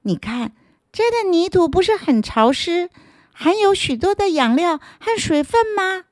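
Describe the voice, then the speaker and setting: A kind earthworm from a children's storybook, friendly and encouraging like a helpful big brother, as a woman storyteller puts it on. The voice sits high and lilts with lively pitch. The sound is close and dry. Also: measured pace, no room sound, heavily acted. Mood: kindly. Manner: warm, kindly, encouraging.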